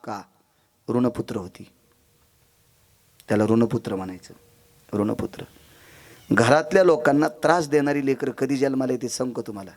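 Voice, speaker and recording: A male kirtan preacher from Maharashtra telling a devotional story, swinging between loud exhortation and low hushed passages. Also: moderate pace, pauses often.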